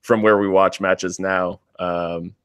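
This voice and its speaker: Rambling American man, smooth low voice. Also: takes it slowly, no echo. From United States. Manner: relaxed, rambling, many fillers and restarts. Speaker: podcast co-host, guest. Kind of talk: casual podcast chat.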